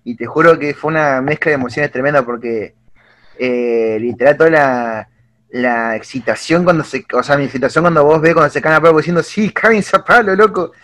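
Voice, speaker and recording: A young man with an Argentine accent, chatting casually and retelling scenes with excitement and slang. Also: mid-range voice, fairly quick. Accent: Argentine Spanish. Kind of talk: casual chat.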